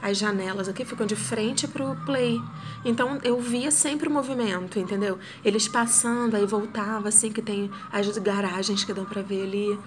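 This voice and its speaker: A woman's voice: mid-range voice, moderate pace, background noise. A woman, a widowed mother telling a personal story to her viewers in an earnest, filler-filled vlog style from her apartment. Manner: earnest, talks straight to viewers with many fillers.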